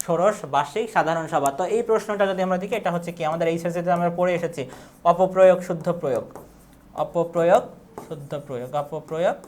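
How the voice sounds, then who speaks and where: A young woman teaching an exam prep lecture, asking questions and answering them herself. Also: fairly low pitch. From Bangladesh.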